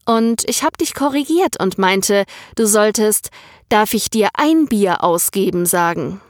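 A woman's voice: mid-range voice, animated, unhurried, no room sound. Audiobook part: a woman playing a blunt, eager young woman, dry close sound. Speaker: story character.

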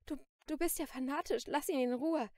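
A woman reading a brisk gallery saleswoman. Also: mid-range voice, darkish tone, dry recording, clean studio sound, close to an everyday voice. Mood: frightened. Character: adult female gallery saleswoman, cool then frightened. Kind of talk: audiobook reading.

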